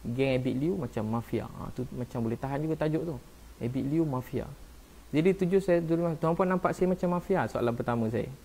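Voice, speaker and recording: A man with a Malaysian Malay accent, a preacher talking casually on a live stream, soft-spoken and earnest, often saying "ha" and "Masya Allah". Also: fairly high pitch, fast, hardly any pauses. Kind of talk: casual live-stream talk answering viewers.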